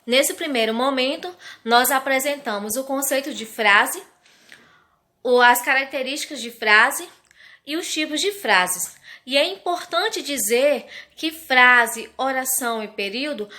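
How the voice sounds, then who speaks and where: Slow, careful Brazilian woman teacher. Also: high-pitched, lively intonation, bright, forceful tone. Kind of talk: recorded grammar lesson.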